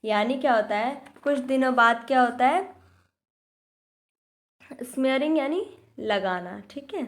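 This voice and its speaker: High-voiced woman teacher explaining a lesson. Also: animated. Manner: reads English lines slowly, then explains them in Hindi; addresses students directly with repeated check-ins. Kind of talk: explaining a textbook chapter.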